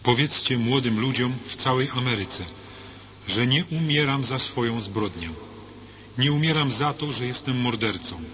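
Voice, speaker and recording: A man's voice: mid-range voice, moderate pace, close to an everyday voice. A man voicing an angry, stubborn young male prisoner condemned to death, in a read-aloud story. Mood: remorseful. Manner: shouting, defiant. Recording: dull lo-fi with faint hiss.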